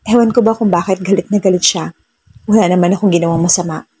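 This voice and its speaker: A woman narrates a first-person love story in a soft, low voice. Her tone is warm and mellow with a husky edge, and she slips English phrases into her telling. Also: steady tone, fast, no room sound. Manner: soft-spoken, switches between Tagalog and English.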